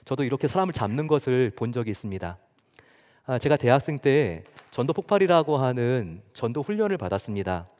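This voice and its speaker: A male pastor preaching a sermon, animated and conversational, telling stories with acted quotes. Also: mid-range voice, brisk. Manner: lively storytelling with chuckles and acted quotes. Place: church sanctuary. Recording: long church hall reverb.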